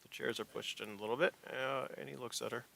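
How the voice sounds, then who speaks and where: A man's voice: medium pitch, fairly even intonation, fast talker, creaky, bright, forceful tone, dry recording. A man running a tabletop game as game master, narrating in a loose, rambling way with fillers. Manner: rambling, many fillers and restarts.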